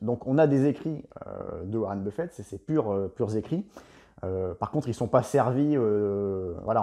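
A man in his thirties giving a relaxed book review to camera at home, talking hesitantly with many fillers into a lapel mic. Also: fairly low pitch. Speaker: investing blogger and author. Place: home room with bookshelves, indoors.

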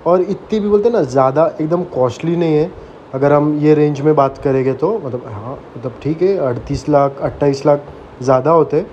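A man's voice: fairly high pitch, moderate pace, a little mellow, lo-fi sound. A man, giving a casual, conversational car walkaround and mixing in English words. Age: 20s. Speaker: car review vlogger. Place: outdoor used-car lot. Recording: outdoor background noise, traffic ambience.

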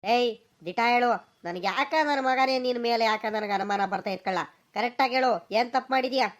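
Brief: suspicious older village father voiced by a woman, rural Karnataka accent, scolding and interrogating, highish voice. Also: moderate pace, close to an everyday voice. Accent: rural Karnataka Kannada. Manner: scolding, demanding questions.

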